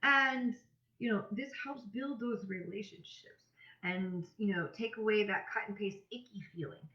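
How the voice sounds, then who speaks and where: Her mid-range voice sounds pushed and bright as this business coach chats her way through a tutorial, unhurried and conversational, acting out example messages. The recording is slightly dull, with a roomy echo.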